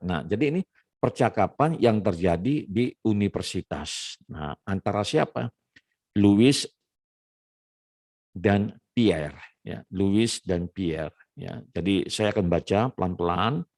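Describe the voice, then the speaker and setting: A man teaching a relaxed classroom lesson, explaining step by step and dropping frequent "ya" and "nah" fillers. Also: on the low side, no echo, clean studio sound. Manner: explains slowly, peppers phrases with "ya" and "nah". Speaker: French teacher.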